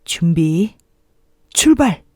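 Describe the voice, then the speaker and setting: A woman's voice: lowish voice, normal speed, warm tone, no room sound, clean studio sound, lightly acted. A woman voicing a kind, curious boy in a children's storybook, playfully, as if reading to a toddler. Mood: playful, directing. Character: kind, curious orphan boy who talks with animals.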